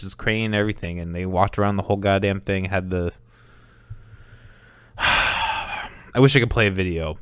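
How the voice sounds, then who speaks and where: A man's voice: fairly low pitch, a bit bright, dry recording. A young man hosting a solo podcast, rambling casually with lots of swearing and laughter. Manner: rambling, profane, laughs often. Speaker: podcast host.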